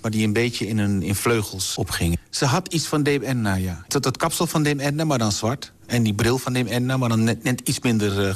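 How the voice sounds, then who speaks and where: A man telling a personal anecdote on radio in a lively, vivid way. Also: medium pitch. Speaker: storyteller. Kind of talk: radio storytelling.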